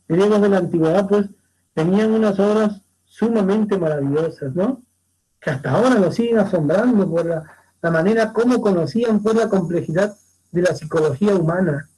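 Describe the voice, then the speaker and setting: A man's voice: high voice, dark tone, breathy edge, poor audio. A man teaching a literature class online, retelling a Greek tragedy animatedly and calling his students muchachos.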